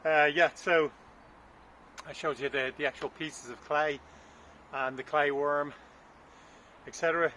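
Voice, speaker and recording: A man's voice: on the high side, level tone, normal speed, pushed and bright. Man, gardening vlogger, out of breath, rambling and thinking aloud outdoors; light wind and traffic noise. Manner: chatty, thinking aloud, unsure asides. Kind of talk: casual vlog narration while digging. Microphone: camera on a stand.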